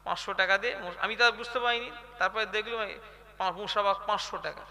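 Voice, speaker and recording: A young man preaching a sermon with a West Bengal Bengali accent, in a high, piercingly bright voice. He keeps asking the crowd to answer him. He moves from low, chatty asides into loud, chanted passages. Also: fairly even intonation, fast talker. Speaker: Islamic preacher. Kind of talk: live sermon at a religious gathering.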